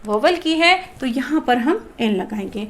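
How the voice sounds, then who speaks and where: High-voiced lady teacher explaining grammar to kids, asks a question then answers it. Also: lively intonation, unhurried. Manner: addresses viewers as children. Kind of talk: classroom grammar lesson.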